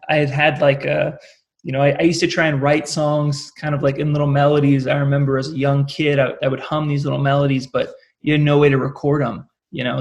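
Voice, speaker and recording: Chatting casually in an interview, a Californian rock singer in his late 20s rambles along, filling his talk with "like" and "you know." He speaks with a creaky, mid-range voice.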